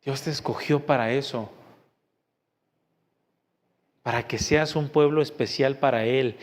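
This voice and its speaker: A pastor preaching emphatically, jumping from loud rhetorical questions to quiet asides. His voice sits fairly high for a man. A long church-hall reverb hangs on his lines. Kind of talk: sermon.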